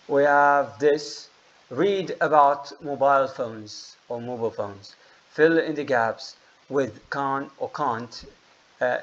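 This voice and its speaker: Man, English teacher, online class, patient explanations, mid-pitched voice, slightly dull lo-fi audio. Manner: explains grammar rules patiently, calls on students by name.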